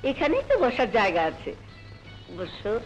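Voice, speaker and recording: A woman's voice: on the high side, wildly swooping pitch, normal speed, lo-fi sound, faint music behind. An actress playing a village mother in a melodramatic film, scolding one son and soothing the other. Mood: tender. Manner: reproachful, then tender and soothing. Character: a stern but loving village mother. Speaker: mother of the brothers.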